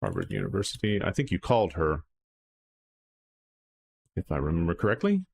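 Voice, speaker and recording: Man, game master, low voice, rambling recap, lots of ums, faint background hum. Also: wildly swooping pitch, normal speed, gravelly. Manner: loose, rambling recaps with many fillers and restarts. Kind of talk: running a tabletop horror game.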